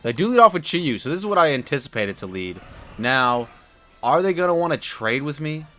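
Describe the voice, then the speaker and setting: A man giving casual, chatty commentary over his own Pokemon battle from a room at home, relaxed and drowsy after a nap, with lots of fillers and sudden loud excited outbursts. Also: a little high, fairly quick, faint music behind.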